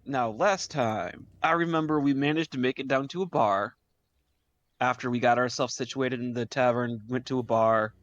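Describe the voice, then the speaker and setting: A man recapping the last session of a tabletop game in halting, piecemeal phrases. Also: medium pitch, no room sound, lo-fi sound. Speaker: player.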